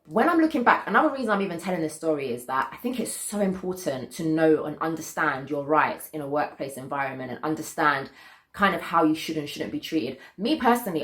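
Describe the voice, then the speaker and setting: Low-voiced British woman, emphatic storyteller. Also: animated, a little fast, fairly bright tone. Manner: emphatic, indignant, repeats points for stress. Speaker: vlogger telling a personal story. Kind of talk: casual storytime monologue. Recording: roomy echo.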